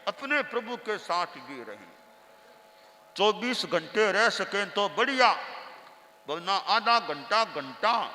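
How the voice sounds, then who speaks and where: A male monk delivering a storytelling sermon, returning to key phrases again and again. His voice is high and bright, and each slow phrase trails into a long hall reverb. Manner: repetitive, storytelling. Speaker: monk preacher.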